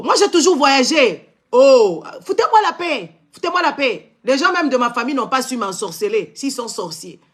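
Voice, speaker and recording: With an extremely high-pitched, slightly bright voice, a Congolese man from the DRC scolds his audience in a heated live-stream rant. He is angry and confrontational, repeating scolding exclamations and switching mid-sentence between Congolese-accented French and Lingala.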